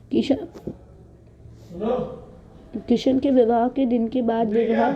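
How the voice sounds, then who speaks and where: Woman explaining a story lesson, lo-fi. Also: a little high. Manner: reads a line, then restates it plainly; corrects slips and apologises often. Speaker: explaining a textbook chapter. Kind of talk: casual spoken explanation of a story. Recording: dull lo-fi sound with faint noise.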